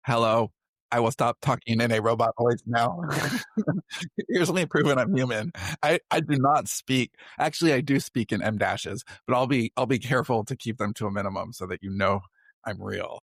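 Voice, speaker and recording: A man in his forties with a gravelly, creaky edge to his voice, telling a story loosely and poking fun at himself. His voice sits at an ordinary middle pitch. The sound is dry and close, with no room around it. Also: moderate pace, dry recording. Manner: self-deprecating, loose and chatty. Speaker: guest, science fiction writer. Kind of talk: casual storytelling in conversation.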